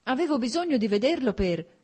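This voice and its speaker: A woman's voice: high-pitched, big pitch swings, brisk, a little mellow, breathy edge, voice pushed up, full character voice. Woman reading proud desperate young wife, defensive, pleading, audiobook. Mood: defiant.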